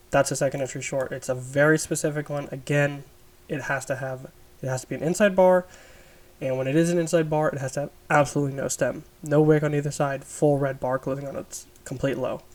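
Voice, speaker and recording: A man with a raspy, under-the-weather voice gives an informal, explanatory chart review as an instructor, thinking aloud as he goes. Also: fairly high pitch, fairly even intonation, fairly quick, a little mellow. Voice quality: raspy, smoker's-rasp sound. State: sick, raspy voice. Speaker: trading instructor.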